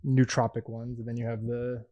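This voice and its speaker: A man's voice: medium pitch, monotone, normal speed, highs cut off. A man hosting a podcast in casual chat, laid-back and rambling. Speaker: podcast host.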